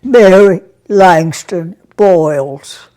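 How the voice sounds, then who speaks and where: A woman over a hundred, raised in Brazil, recalling her years as an army nurse in an interview, speaking softly and haltingly with many pauses. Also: on the low side. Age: over 100. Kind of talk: interview reminiscence.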